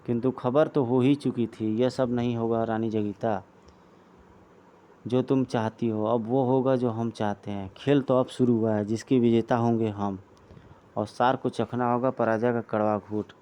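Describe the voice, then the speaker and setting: A man's voice: mid-range voice, fairly even intonation, normal speed, warm tone, smooth, lightly acted. A man reading aloud the lines of a boastful, mocking male demon warlord from a comic. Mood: scheming. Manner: mocking, boastful, laughing menacingly.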